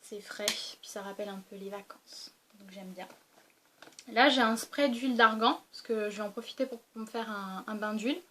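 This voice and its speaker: A woman's voice: medium pitch, moderate pace, fairly bright tone, a little hiss or hum. A young woman casually showing her weekend travel toiletries in a vlog, chatty, with many fillers and restarts. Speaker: beauty vlogger. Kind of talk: casual show-and-tell vlog.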